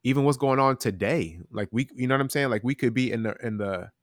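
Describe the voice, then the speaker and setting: A man talking earnestly about end times in a casual Bible chat, halting with many restarts. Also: mid-range voice, dry recording, clean studio sound.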